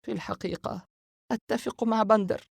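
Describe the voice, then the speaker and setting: A grave older sister who lays out warnings in solemn, measured phrases, voiced by a man reading an audiobook. Her voice is lifted above his usual pitch. The read is dry and close. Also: fairly even intonation, gravelly, slightly rough, dry recording, heavily acted.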